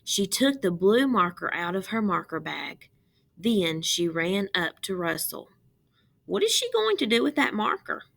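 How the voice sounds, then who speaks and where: Reading aloud from a picture book for children, a woman uses a creaky, mid-range voice, expressive and measured, and stops to ask her listeners questions.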